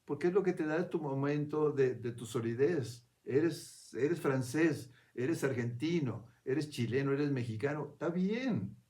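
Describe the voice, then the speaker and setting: A man giving a reflective spiritual talk in a conversational, unhurried way. He keeps checking in with his listener and restarts his phrases as he thinks aloud. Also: fairly high pitch, lively intonation, mellow. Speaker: spiritual speaker.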